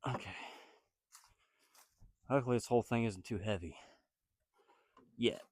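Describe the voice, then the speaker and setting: Working on a build, a man vlogging as a DIY builder talks casually to himself and his viewers, hesitant and rambling. He sounds congested and nasal from a cold, his voice on the low side, darkish and slightly rough, at a measured pace, recorded with no room sound.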